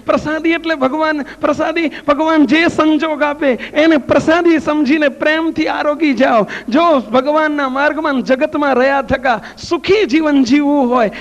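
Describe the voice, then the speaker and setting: A man, a monk preacher, giving a devotional sermon with folksy anecdotes, asking rhetorical questions and repeating phrases. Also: very high voice. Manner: storytelling, folksy. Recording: echoey hall, dull lo-fi sound.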